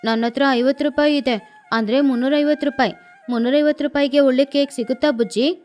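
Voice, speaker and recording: Cartoon boy crow, gentle and earnest, fairly high voice, woman voices him. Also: fairly even intonation, brisk, soft background music, lightly acted. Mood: plaintive. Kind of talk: cartoon voice acting.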